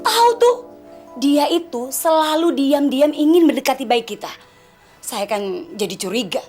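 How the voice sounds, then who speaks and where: An actress playing a jealous young mother who shouts at her maid in a tearful, scolding voice. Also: high voice, animated, moderate pace, faint music behind. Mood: angry scolding. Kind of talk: TV soap drama.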